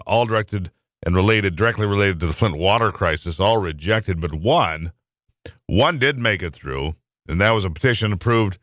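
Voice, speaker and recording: A male talk radio host with a very deep voice, delivering the news in a relaxed, conversational monologue. He drops in dry, wry asides. The studio sound is close and completely dry. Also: no room sound.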